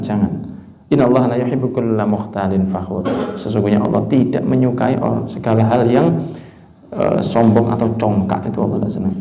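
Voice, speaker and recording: A man preaching a religious study sermon, explaining verses word by word with lively asides. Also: mid-range voice, gravelly. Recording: roomy, dull lo-fi recording.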